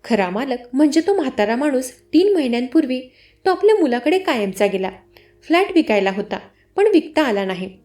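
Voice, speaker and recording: A woman voicing a male police inspector who calmly explains the facts of a case. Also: very high-pitched, a little fast. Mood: explaining. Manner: matter-of-fact, explaining.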